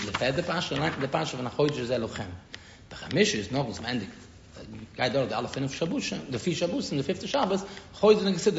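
A man with a Yiddish accent teaching a Talmud lesson as a rabbi, halting and often repeating words as he explains. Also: medium pitch, creaky. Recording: dull echoey room recording with faint noise.

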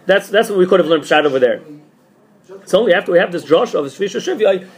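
Fast-talking, halting man teaching. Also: high-pitched, animated. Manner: halting, repeats and restarts phrases mid-thought. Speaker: teacher giving a Talmud class. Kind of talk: informal religious text lecture, thinking aloud.

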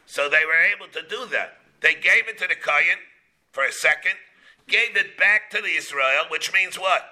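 Bright, forceful man teaching Talmud. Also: high-pitched, moderate pace. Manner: question-and-answer explaining in short repeated phrases. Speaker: rabbi teaching a class. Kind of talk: Talmud lesson, reading and explaining.

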